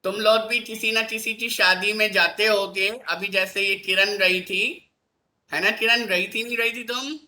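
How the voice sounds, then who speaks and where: A man's voice: sits high, steady tone, a little slow, sharp tone. A male teacher giving a classroom lesson, coaxing his pupils with constant questions like "isn't it?". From India.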